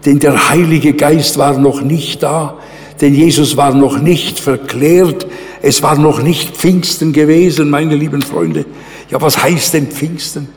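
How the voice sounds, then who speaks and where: Slow, emphatic preacher in a reverberant hall. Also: male voice, fairly even intonation. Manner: slow, emphatic preaching with long pauses and wide swings in pitch. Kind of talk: sermon.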